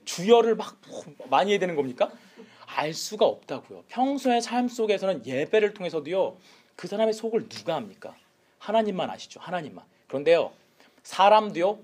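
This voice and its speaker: A woman pastor preaching a sermon in an animated way, acting out quotes and slipping in English words. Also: sits low, breathy edge.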